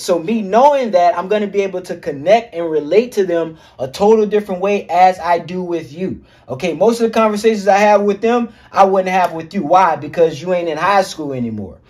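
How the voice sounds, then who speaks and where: Here a high-voiced man, a self-improvement coach, gives other men pointers on social skills. His delivery is laid-back yet lively, peppered with swearing and slang, and he refers to viewers as G and fellas.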